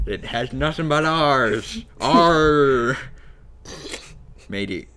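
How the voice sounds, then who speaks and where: A man playing an emotional pirate in improvised character play, drawing out loud, growled R's. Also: lively intonation, slight background noise, heavily acted. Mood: hammy. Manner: drawn-out, loud, raised-pitch pirate growl.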